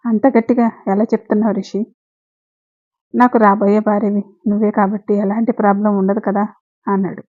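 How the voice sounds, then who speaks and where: A woman's voice: on the high side, mellow, muffled recording. A woman hosting a storytelling channel, reading a love story aloud and voicing all the characters in her own voice. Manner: reads every character's lines in her own voice. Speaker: storyteller host.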